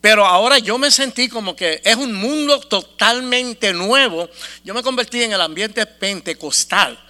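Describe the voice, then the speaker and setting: A man giving a lively, conversational testimony, repeating himself and laughing often. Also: sits high. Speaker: speaker giving a faith testimony.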